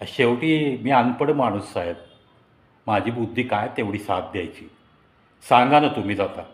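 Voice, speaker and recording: A man's voice: medium pitch, moderate pace, lightly acted. A man storyteller voicing a humble, uneducated village man who pleads and apologizes meekly. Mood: flustered. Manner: meek, pleading. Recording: echoey room.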